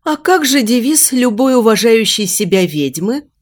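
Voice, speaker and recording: A bossy invisible spirit, a female voice that grumbles and lectures with a dismissive snort in it, as a woman reads her in an audiobook. Her pitch swings widely as she scolds. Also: sing-song, normal speed. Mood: scolding. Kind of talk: audiobook character voice.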